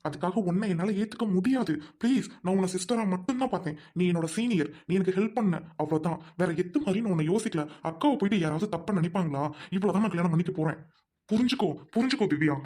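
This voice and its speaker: Brief: man playing a firm young groom, rapid delivery, warm dark tone, forceful when angry. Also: sits high, lively intonation. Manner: forceful scolding, then gently reassuring. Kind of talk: amateur audio drama.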